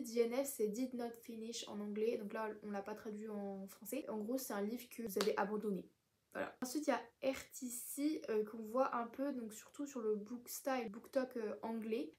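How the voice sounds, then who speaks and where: A woman's voice: mid-range voice, darkish tone, slight background noise. A young woman from France explaining reading terms in a chatty, self-deprecating vlog, with many fillers. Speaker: book vlogger.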